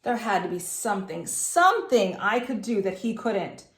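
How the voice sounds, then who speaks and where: Teacher lady reading a story to the class, expressive, chatty little asides, kinda echoey room. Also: mid-range voice, moderate pace, a little hiss or hum. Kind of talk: reading a storybook aloud to students.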